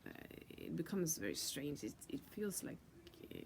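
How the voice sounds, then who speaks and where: Gravelly low-voiced woman, halting and sweary. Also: huge pitch swings, darkish tone, slight background noise. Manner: halting, full of fillers and restarts, heavy swearing; repeats words for emphasis. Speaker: channel host telling her own story. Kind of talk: casual personal storytelling.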